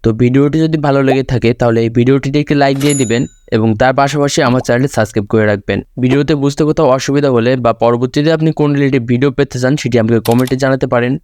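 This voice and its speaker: A man talks the viewer through a phone tutorial, one step after another, at a very fast clip. His voice is dry and close to the mic. His pitch sits in an ordinary middle range. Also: fairly even intonation, a little mellow, smooth, no echo. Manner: step-by-step instructive, addresses viewer directly. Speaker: tutorial host. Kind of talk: screen-recorded tutorial narration.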